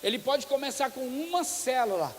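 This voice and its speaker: A man preaching as a pastor at a conference for cell group leaders, telling lively stories and acting out church members. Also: very high voice, normal speed. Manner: animated storytelling preacher, acts out church members. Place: church hall. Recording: reverberant hall with faint hiss.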